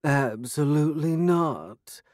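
A man's voice: a little high, animated, takes it slowly, a little mellow, no echo, studio quality, pitched above the performer's own voice. A man voicing a haughty, sarcastic female talking cat with a drawling, disdainful delivery.

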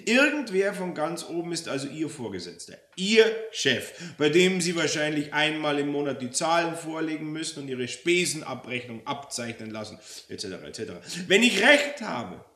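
A man's voice: very animated, normal speed, full character voice. A man voicing a feisty elderly woman who is bossy, indignant and relentless, reading a story aloud in a roomy space. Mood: scolding. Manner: shrill, scolding, loud and pushy. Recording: roomy echo.

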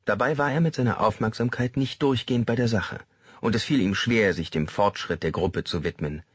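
A man narrating a thriller audiobook in an expressive reading. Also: on the low side, brisk, husky, dry recording. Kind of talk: scripted narration.

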